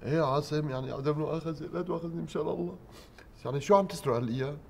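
Brief: crafty middle-aged Syrian swindler, high, quick. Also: male voice, gravelly, darkish tone, a little hiss or hum. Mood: cajoling. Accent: Syrian Arabic. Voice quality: crafty, cajoling. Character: scheming middle-aged male swindler clerk. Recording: reverberant studio set.

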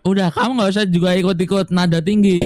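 A man's voice: high-pitched, steady tone, a little mellow. Exasperated young man scolding. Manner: exasperated, scolding, slowly stresses words. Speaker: roleplay police officer. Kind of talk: GTA roleplay banter.

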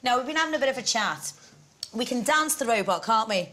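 A woman presents a children's show, chatty and playful. Her voice is bright and swoops up and down a lot, somewhat high for a woman, with some music behind her. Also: animated, a little fast.

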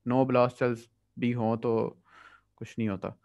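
A man with a Pakistani accent going through medical exam past papers as a tutor. He reads the English questions slowly, then explains quickly in Hindi-Urdu. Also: mid-range voice, level tone, a little mellow. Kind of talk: past-paper review lecture. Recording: dull lo-fi audio.

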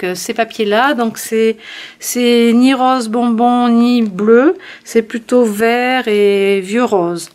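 A woman's voice: fairly high pitch, a little mellow. Chatty woman reviewing craft papers. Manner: chatty, hesitant, many fillers and restarts. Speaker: scrapbooking channel host. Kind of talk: casual product review.

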